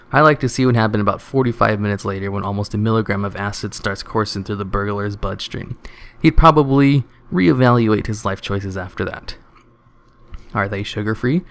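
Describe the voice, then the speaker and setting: A man with a fairly low voice reads online comments aloud in a casual, dry way. He often sounds close to laughing. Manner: dry reading, half-stifled laughs. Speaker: channel host reading online comments.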